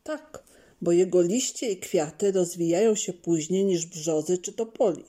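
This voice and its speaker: A woman voicing a patient, knowledgeable father in a children's storybook, explaining in a calm, measured way. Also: lowish voice.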